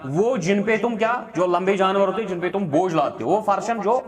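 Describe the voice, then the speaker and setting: Male Quran teacher, slightly high voice, patient line-by-line explanation, crowd noise behind. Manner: recites Arabic verses, then explains them in Urdu with frequent checks like "theek hai".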